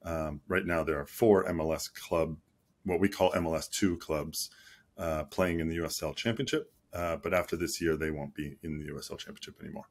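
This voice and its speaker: A middle-aged man, a guest on a video call interview, speaking thoughtfully with many pauses and restarts. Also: extremely low pitch, fairly even intonation. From United States. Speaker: league marketing chief, guest. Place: small office at home. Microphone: headset on a video call.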